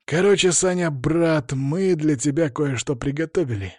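Brief: man playing brash young buddy, loud and upbeat, slightly raised voice, dry studio sound. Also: fairly high pitch, normal speed, no echo, pitched above the performer's own voice, lightly acted. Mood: chummy. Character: brash young male friend, refereeing, jokey. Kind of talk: audiobook character voice.

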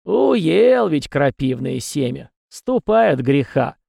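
A man reading an audiobook, voicing a stern, gruff old male elder who speaks sharply. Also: high voice, expressive, measured pace, warm tone, no echo, studio quality, pitched above the performer's own voice, full character voice.

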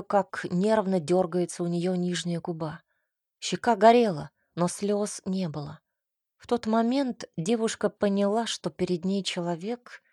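A woman reading a novel aloud in measured scripted narration. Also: fairly low pitch, mellow, no room sound, studio quality. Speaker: audiobook narrator.

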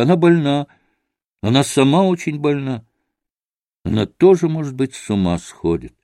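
Man doing a soft-spoken earnest young brother in an audiobook, kind and timid, dry close sound. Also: medium pitch, no echo, pitched above the performer's own voice. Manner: soft and pleading.

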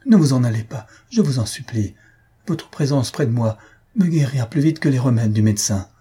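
A man's voice: medium pitch, fairly quick, dark tone, breathy edge. A man voicing a feverish young man in love, eagerly pleading with the woman at his bedside. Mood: ardent.

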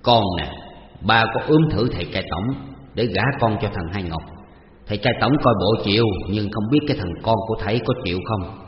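A man's voice: on the low side, a little fast, roomy sound, long reverb tail, lo-fi sound, close to an everyday voice. A man reading a story aloud, voicing an anxious, doting older father who bosses his servant around. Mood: coaxing. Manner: bossy toward servant, fussing.

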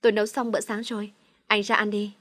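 A woman's voice: mid-range voice, level tone, quick pace, a bit bright, dry recording, clean studio sound, close to an everyday voice. A woman reading a storybook, voicing a young mother who pleads through her tears. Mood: resolute.

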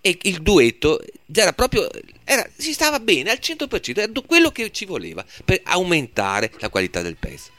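A man's voice: high-pitched, wildly swooping pitch, a little fast, hardly any pauses, fairly bright tone, no echo. A man with a Veneto accent hosting a live radio show, chatty and effusive with a theatrical flair. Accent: Italian, Veneto. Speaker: radio host. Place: radio studio.

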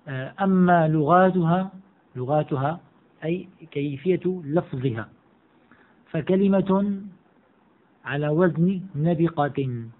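Guy explaining grammar slow and patient, says each example twice, sounds like a phone line. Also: fairly high pitch. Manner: reads a line of the text, then explains it and repeats the examples slowly. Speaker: grammar teacher. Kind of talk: explaining a classical grammar text. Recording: tinny, phone-like audio.

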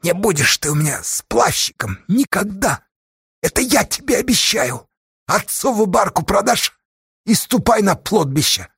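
A man voicing a stern, grasping old village elder with a thin high voice that turns preachy and scornful. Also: very animated, measured pace, husky, no room sound, clean studio sound, heavily acted. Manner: preachy, scornful, rising to shrill shouts.

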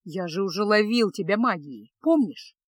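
A woman voicing a gruff, impatient young male mage who speaks low, slow and insistent, in a storybook reading. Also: expressive, no room sound, clean studio sound. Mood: pleading, insistent.

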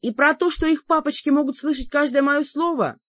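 A woman voicing an exasperated young heroine with a high, shrill, pleading voice. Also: brisk, a bit bright, no room sound. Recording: dull lo-fi dry recording.

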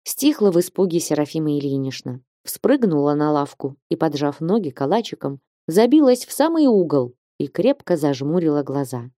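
A woman reading a classic novel aloud in a measured, expressive narration. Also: deep voice, no echo, clean studio sound. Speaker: audiobook reader. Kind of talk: literary narration.

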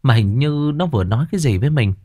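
A man's voice: medium pitch, animated, fast talker, warm tone, no echo, clean studio sound. A man narrating a ghost story in a crude, colloquial way.

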